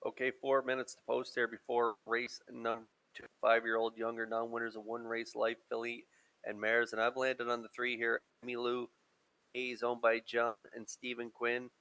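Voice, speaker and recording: A man's voice: medium pitch, monotone, normal speed, bright, forceful tone, low-quality recording. A man giving informal, analytical race preview commentary as a handicapper. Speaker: horse racing handicapper and analyst.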